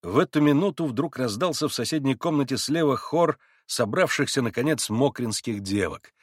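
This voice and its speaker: A man narrating an audiobook in a dramatic, expressive reading. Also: medium pitch, normal speed, husky, no echo, studio quality.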